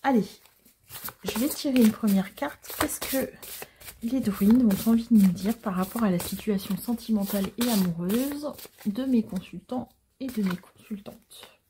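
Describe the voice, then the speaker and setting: A woman giving a casual tarot reading to viewers, explaining the cards gently and hesitantly with frequent pauses. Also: mid-range voice, background noise. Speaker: tarot card reader.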